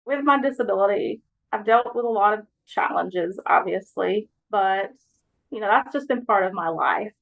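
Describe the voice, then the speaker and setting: A woman's voice: mid-range voice, normal speed, gravelly, a bit bright, low-quality recording. A woman from Alabama, a podcast guest speaking earnestly and encouragingly about her own experience. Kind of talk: reflective personal talk.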